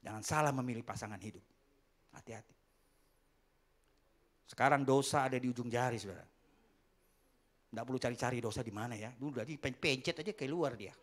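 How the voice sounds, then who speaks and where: A man's voice: mid-range voice, brisk, long pauses. A middle-aged male pastor preaching a sermon in a church hall, telling stories with jokes and acting out the people in them. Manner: animated storytelling with joking asides and acted voices.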